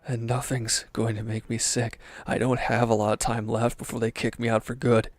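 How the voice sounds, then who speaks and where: In an intimate audio roleplay, a man voices a wounded, defeated henchman of a villain, sounding bitter, defensive and despondent, speaking haltingly and at times sinking to a near-whisper. The delivery is flat at medium pitch, natural-sounding with no echo, and the mood is despondent and weary.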